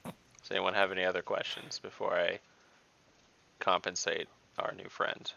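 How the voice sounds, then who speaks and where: Playing a casual tabletop game, a man speaks in a low, gravelly, monotone voice with a sharp edge at a moderate pace. He's direct and jokes crudely. The audio is dull and lo-fi, picked up by a home mic on a video call.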